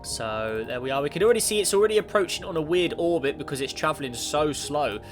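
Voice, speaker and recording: Fighting a cold, this man chats his way through a space simulation game, his voice on the high side, lively and quick. He's a gaming YouTuber who rambles, backtracks, and answers the game out loud, with clear music in the background.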